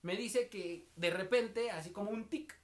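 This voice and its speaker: A man's voice: high voice, unhurried. Young mexican guy on a podcast, slangy storytelling, does little voices for the people in his stories. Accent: Mexican Spanish. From State of Mexico. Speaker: podcast co-host. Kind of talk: casual podcast chat.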